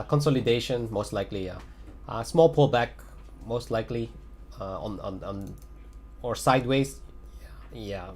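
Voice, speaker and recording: Late into a long livestream, this man's lowish, slightly mellow voice is turning raspy, and a faint hiss or hum runs underneath. Commenting casually on crypto trading charts, he hesitates often, fills gaps with fillers, repeats himself and lets out chuckles.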